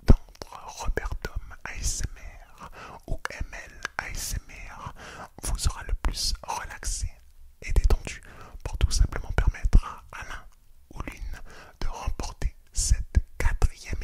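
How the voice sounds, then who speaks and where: Whispering throughout, the host of an ASMR channel takes his time, often addressing listeners as friends. He tends to repeat phrases and occasionally restarts a little.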